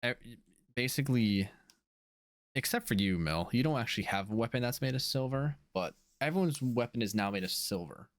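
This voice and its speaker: A man's voice: mid-range voice, expressive, fairly quick, dry recording, clean studio sound. A man running a tabletop game as game master, narrating casually with lots of fillers.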